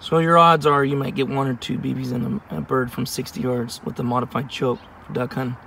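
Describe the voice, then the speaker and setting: A man in his thirties hosts a casual range review outdoors, talking plainly and a little fast in a medium-pitched, level voice that is gravelly, bright and forceful. He's recorded on a camera mic a few steps off, with a faint hiss or hum.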